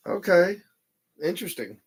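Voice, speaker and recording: A man's voice: high voice, fairly bright tone, slightly rough. A man, chatting casually on a livestream and reading viewer comments aloud. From Texas. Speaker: paranormal livestream host.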